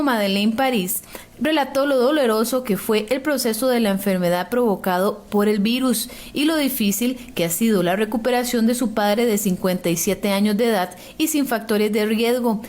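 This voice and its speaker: A woman news reporter reading scripted narration in a measured, formal way. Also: fairly high pitch, a little mellow.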